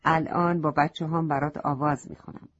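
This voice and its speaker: A woman's voice: low-pitched, fairly even intonation, husky, pitched below the performer's own voice. A woman voicing a proud, friendly mother goose in a children's story, on a slightly muffled recording.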